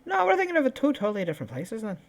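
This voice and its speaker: A man's voice: very high-pitched, huge pitch swings, rapid-fire. A man playing a character in a tabletop game, joking around and laughing often. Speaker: player.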